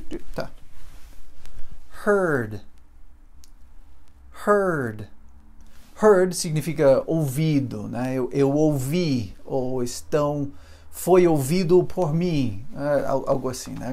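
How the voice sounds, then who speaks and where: Unhurried teacher, man. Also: medium pitch, creaky, darkish tone. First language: English. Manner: patient, repeats sounds slowly with drawn-out examples. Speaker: English teacher. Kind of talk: pronunciation lesson.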